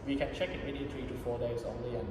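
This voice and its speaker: Male interviewee, Thai accent, lawyer explaining in halting, repetitive phrases; distant, very echoey recording. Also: medium pitch, fairly even intonation. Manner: halting, repeats and rephrases phrases. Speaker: property lawyer being interviewed. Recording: echoey reverberant room, distant mic, background noise.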